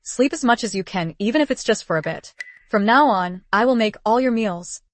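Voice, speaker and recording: Period drama dub: actress playing a brisk, fussing young wife who cares and gives orders, very dry recording. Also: female voice, fairly high pitch, animated, no echo, close to an everyday voice. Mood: caring, bossy.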